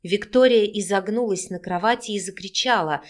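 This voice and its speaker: A woman's voice: medium pitch, normal speed. Woman narrating a romance audiobook. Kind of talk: scripted narration of a romance novel.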